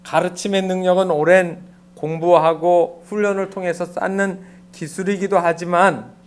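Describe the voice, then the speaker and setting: A male pastor preaching a Sunday sermon in a church sanctuary, soft-spoken and measured, with frequent pauses. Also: a little high.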